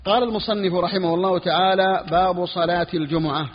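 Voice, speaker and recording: Male sheikh giving a lesson, bit high husky voice, says everything twice. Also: fairly even intonation. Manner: repeats each phrase slowly for students; clears his throat now and then. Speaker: sheikh teaching Hanbali jurisprudence. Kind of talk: classroom lesson on a fiqh text. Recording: dull, lo-fi recording with long reverb.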